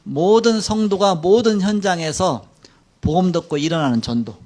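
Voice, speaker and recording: Animated middle-aged man preaching in church. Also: sits high, normal speed. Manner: colloquial and animated, acting out quotes, chuckling. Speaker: pastor. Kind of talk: sermon lecture.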